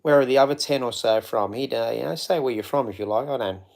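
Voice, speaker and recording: Casual live-stream host, man, gravelly voice, rambles and greets his chat. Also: mid-range voice, quick pace, a little mellow. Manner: rambling, greets viewers by name.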